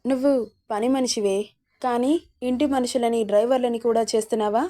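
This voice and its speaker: A woman's voice: fairly high pitch, steady tone, a little fast, dark tone, lightly acted. A woman reading a scornful bullying sister-in-law. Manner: taunting, sneering, threatening.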